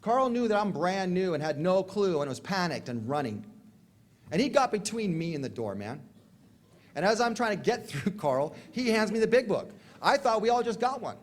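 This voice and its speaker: Guy with a high voice telling his recovery story up on stage, slangy and jokey. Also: big pitch swings. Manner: jokey, slangy, with quick asides. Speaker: featured recovery speaker. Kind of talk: storytelling talk at a convention.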